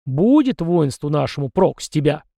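A man voicing a gruff old village elder with a stern, teasing, folksy way of speaking. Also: on the high side, big pitch swings, moderate pace, mellow, no echo, clean studio sound, heavily acted. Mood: gruff, wry.

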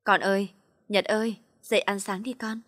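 A woman's voice: medium pitch, flat delivery, normal speed, fairly bright tone, no echo, studio quality, natural voice. A woman voicing an anxious young mother who pleads for answers, in a storybook reading. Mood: alarmed.

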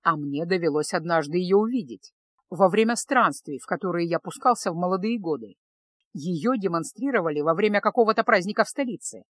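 A woman's voice: lowish voice, expressive, fairly quick, no room sound, studio quality. Woman doing a grim old royal mage. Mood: grave. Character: grim elderly male royal mage, learned.

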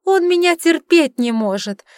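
A woman voicing a sharp-tongued, sarcastic witch in an audiobook, scolding and mocking. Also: very high voice, expressive, measured pace, no room sound, studio quality, pitched above the performer's own voice. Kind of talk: audiobook character reading.

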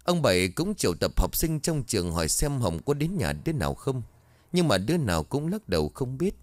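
A man reading a ghost story aloud in an expressive, dramatic way on a close mic. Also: medium pitch, a little fast, no room sound.

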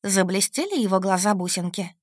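A woman's voice: medium pitch, animated, a little fast, no echo, studio quality. Woman reading a first-person audiobook. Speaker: audiobook narrator.

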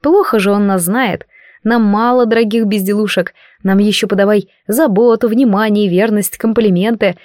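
A woman's voice: medium pitch, normal speed, dry recording, studio quality. Wry woman reading an audiobook. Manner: wry, expressive. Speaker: audiobook narrator. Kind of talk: first-person audiobook narration.

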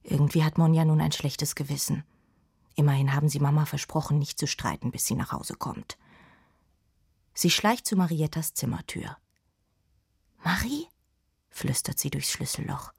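Husky, gravelly woman reading a children's story. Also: low voice, moderate pace, no room sound, clean studio sound. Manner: expressive, lively storytelling. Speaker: narrator. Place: studio.

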